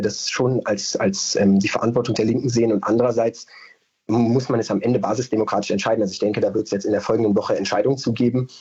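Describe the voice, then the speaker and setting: A man from Berlin, Germany, is a guest on a radio show, answering in a casual interview thoughtfully and hesitantly with many fillers. His medium-pitched voice is dark and husky, and the audio sounds dull.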